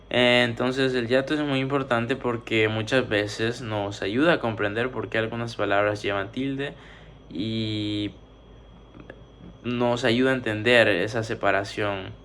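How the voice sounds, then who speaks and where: A man with a low, gravelly voice gives a methodical spoken grammar lesson. He works through numbered exercises and slows down to stretch out each syllable. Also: a little hiss or hum. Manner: steady explaining, drawn-out syllables. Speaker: teacher.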